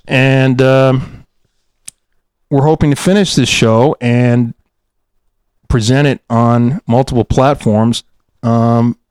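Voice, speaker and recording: A man with a medium-pitched, slightly mellow voice hosts a casual, rambling podcast after-show, hesitating as he searches for words and poking fun at himself. He's a podcast host and audio drama producer, recorded with no room sound.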